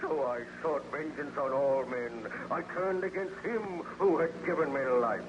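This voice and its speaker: A man's voice: medium pitch, moderate pace, natural voice. An actor playing a wounded, remorseful monster in declamatory, formal 1930s radio style, bitter and grieving for his creator. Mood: tormented, bitter. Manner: declamatory, anguished, archaic formal speech. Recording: noisy, muffled old-time radio recording.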